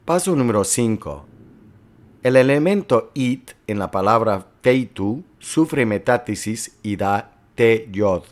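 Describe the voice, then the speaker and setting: Low-voiced man giving a calm lecture. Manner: slow, careful, explanatory delivery with worked examples. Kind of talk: recorded lecture on historical linguistics.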